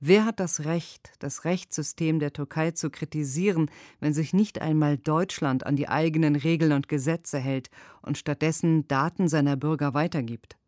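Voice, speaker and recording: A woman's voice: sits low, moderate pace, darkish tone, no room sound. Earnest female voice-over for a lawyer's answers, dry and close. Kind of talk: read translated interview answers.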